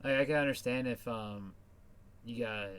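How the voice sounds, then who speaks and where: A man's voice: mid-range voice, normal speed, fairly bright tone, smooth. A man hosting a casual podcast chat, laid-back and hesitant, with many fillers. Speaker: podcast host.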